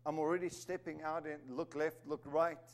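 A man born in Zimbabwe and raised in South Africa preaches an emphatic sermon, raising his voice to stress key words and slipping in humorous asides. His voice is fairly high, his delivery flat, and his pace moderate.

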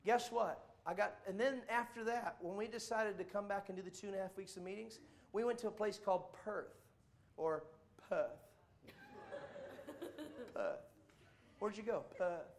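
A man preaching to a congregation, telling travel stories in a jokey, animated way with playful mock voices. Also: high voice, moderate pace, gravelly, pauses often. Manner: jokey, does voices and mock accents in quotes. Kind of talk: animated sermon storytelling.

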